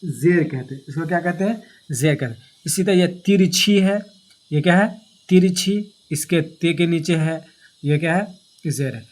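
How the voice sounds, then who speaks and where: A male teacher explaining grammar in a lesson, asking questions and answering them himself, with repeated key terms and slowly stretched example words. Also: fairly high pitch, a little mellow. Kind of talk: classroom-style grammar lesson.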